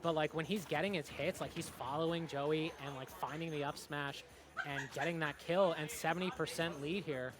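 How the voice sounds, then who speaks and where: A young man doing live play-by-play commentary on a fighting game tournament, excitable, with lots of fillers and quick reactions. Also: fairly high pitch, crowd noise. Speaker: esports commentator. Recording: music playing behind.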